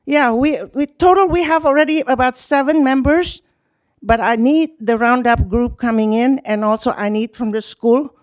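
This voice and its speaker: Older woman, from Hong Kong, animated, talkative, youth nonprofit leader, dry close sound. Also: sits high, moderate pace, dry recording. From Hong Kong, grew up in Indonesia. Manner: animated, talkative, frequent laughs. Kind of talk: speaking at a public city meeting.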